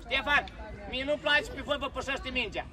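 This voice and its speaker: A youth football coach on an outdoor pitch, barking short commands and players' names. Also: male voice, far from the mic. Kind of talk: sideline coaching shouts. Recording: outdoor pitch with children's crowd noise.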